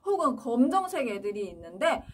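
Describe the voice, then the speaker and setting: A woman's voice: fairly high pitch, very animated, brisk, slightly rough, recorded from a distance. A woman voicing an earnest, indignant young man in a Bible story told to children.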